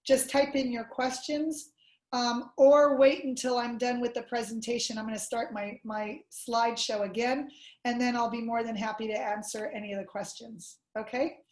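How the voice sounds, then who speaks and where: A woman's voice: a little high, little pitch movement, moderate pace, a little mellow. Roomy-sounding woman giving an online workshop. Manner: explanatory, with playful acted demonstrations. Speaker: workshop presenter on child development. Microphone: video call. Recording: roomy echo.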